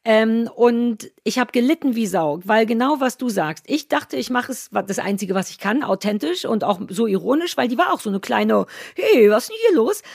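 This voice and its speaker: A woman in her forties with a Berlin accent, co-hosting a podcast and telling stories in a lively, self-mocking way. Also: on the high side, moderate pace, creaky, few pauses, breathy edge, no room sound, clean studio sound. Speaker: podcast co-host. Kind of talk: casual podcast chat.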